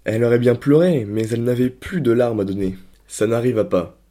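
A man narrating a dark story in a steady, dramatic reading voice. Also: medium pitch, brisk.

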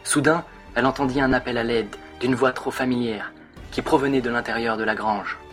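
A man with a bright, forceful voice narrating a dramatic story, leaning into each moment with expressive, theatrical delivery. Soft music runs in the background. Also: medium pitch, a little fast.

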